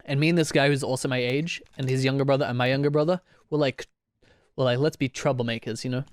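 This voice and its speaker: A man's voice: mid-range voice, fairly even intonation, quick pace, no echo. A young man co-hosting a podcast, telling stories in a rambling way, laughing often and acting out quoted voices. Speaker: podcast co-host. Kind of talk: casual chat.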